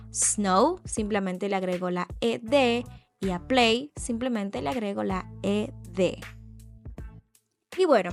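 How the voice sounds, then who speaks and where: A woman teacher explains grammar at an unhurried pace, her voice sitting a little high. She repeats example words twice and spells out patterns letter by letter. Soft music plays faintly behind her. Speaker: English teacher. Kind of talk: slow explanatory lesson.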